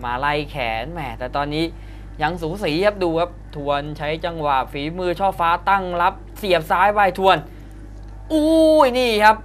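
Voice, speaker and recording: Calling a Muay Thai fight live, a man with a high, animated voice exclaims at each strike while speaking at normal speed. The broadcast carries arena crowd noise and a faint fight-arena ambience in the background.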